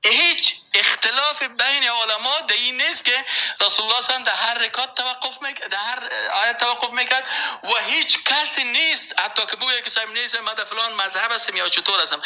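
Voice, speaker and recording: A man giving a religious lecture as a preacher, slowly reciting verses and then rising into emphatic, insistent points. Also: very high voice, pushed and bright, rough recording.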